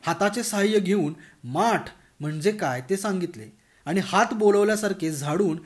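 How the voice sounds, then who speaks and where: A man reading a humorous story aloud in a lively, expressive narrating voice. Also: high voice, normal speed.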